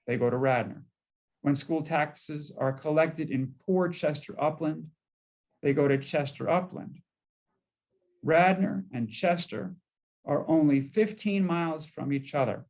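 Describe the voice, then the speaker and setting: An American man delivering a formal speech as an impassioned civil rights orator, emphatic, with measured cadences and rhetorical force. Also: a little high. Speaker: exiting state higher education chair giving a speech.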